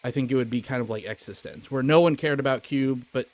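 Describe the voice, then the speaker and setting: A podcast host chats casually about movies, joking, swearing, and putting himself down. His medium-pitched voice is fast with a darkish tone, and there's no echo.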